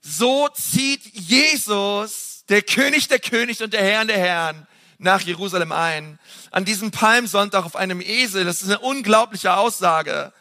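A man preaching with a high, bright voice. He gets animated and climbs higher to stress his points, with some fillers between them. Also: measured pace. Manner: animated, rising in pitch for emphasis, with fillers. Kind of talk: sermon.

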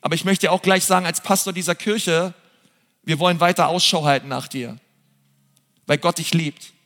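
Pastor guy preaching, earnest, lots of ähms, kinda high voice, echoey church hall. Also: steady tone, normal speed. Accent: German. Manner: earnest, direct address to listeners, frequent fillers. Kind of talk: sermon. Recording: church hall with long reverb and soft music.

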